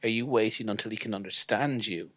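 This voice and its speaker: A man's voice: on the low side, fairly quick, a bit bright, dry recording. A man in his thirties with an Irish accent, co-hosting a comedy podcast with dry, mock-serious teasing. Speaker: podcast co-host. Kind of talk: casual comedic chat. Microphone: studio podcast mic.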